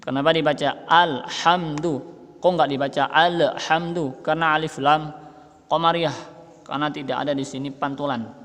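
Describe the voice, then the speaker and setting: A man teaching Quran recitation rules, explaining patiently and chanting the verses slowly and melodically. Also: fairly high pitch, steady tone, fairly bright tone, in a large hall. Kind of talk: tajwid lesson with chanted recitation.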